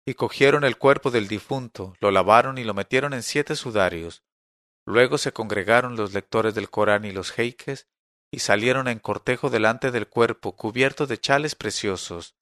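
Guy reading an old story, steady and measured, dry close mic. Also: mid-range voice, no room sound. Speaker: narrator.

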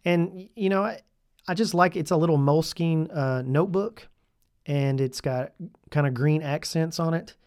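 A man's voice: a little high, normal speed, darkish tone, clean tone, dry recording, clean studio sound. Chatty man reviewing his gear. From Tennessee. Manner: chatty, enthusiastic, repeats himself. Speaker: podcast host, youth minister.

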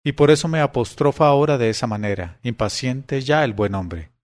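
A man voicing a chief palace eunuch in a storybook reading. He speaks slowly and softly, in a deferential tone. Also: mid-range voice, lightly acted. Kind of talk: audiobook character reading.

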